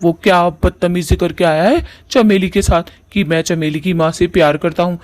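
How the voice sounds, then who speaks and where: A firm young son from a cartoon story, voiced by a man speaks up bluntly to his mother. His voice is slightly high. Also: steady tone, moderate pace, darkish tone, natural voice. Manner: firm, complaining. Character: young adult son, firm, protective of bride.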